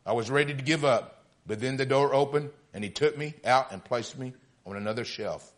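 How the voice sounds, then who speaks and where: A man's voice: medium pitch, a little fast, close to an everyday voice. A man voicing a suffering, pleading male teacup in a story he reads aloud during a sermon. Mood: amazed.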